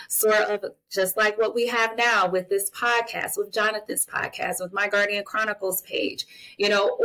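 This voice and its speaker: This podcast guest is a woman in her late thirties who advocates for mental health and serves as a guardian. Speaking straight to the audience, she shares personal testimony and frank, forceful advice in an interview-style conversation. Her voice sits at medium pitch with a slightly bright quality, though the audio is poor.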